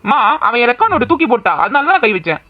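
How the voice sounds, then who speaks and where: A lovesick young cartoon hero who pushes back against his family, as a voice actor plays him. His voice sits in a middle pitch, and he talks in an earnest, pleading way. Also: big pitch swings, racing, dull audio, lightly acted. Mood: defiant. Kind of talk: animated cartoon drama voice acting.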